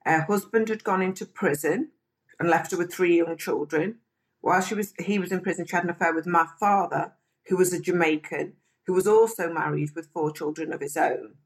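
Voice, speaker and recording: A woman, an interview guest telling her life story frankly and chattily. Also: lowish voice. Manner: frank, chatty, mimics people when quoting them. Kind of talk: candid personal storytelling.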